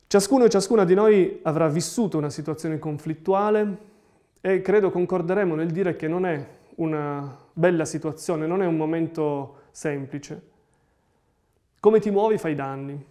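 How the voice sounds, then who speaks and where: A pastor in his forties delivers a calm, reflective sermon. His voice sits high for a man. He speaks from a small room lined with bookshelves, facing the camera. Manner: measured, reflective preaching.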